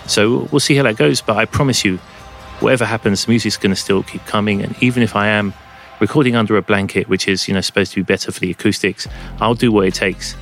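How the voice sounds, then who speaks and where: A man's voice: on the low side, steady tone, quick pace, vocal fry, a bit bright. A man presenting a music podcast in a casual, enthusiastic but rambling way, recorded at home under a blanket. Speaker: podcast host and DJ.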